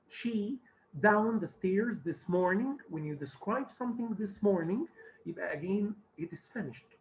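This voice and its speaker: Egyptian teacher explaining grammar, slightly high. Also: male voice, a little mellow. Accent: Egyptian Arabic. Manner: explains step by step, stresses words carefully. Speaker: English teacher. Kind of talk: grammar lesson in Arabic mixing English. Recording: muffled lo-fi recording with faint hiss.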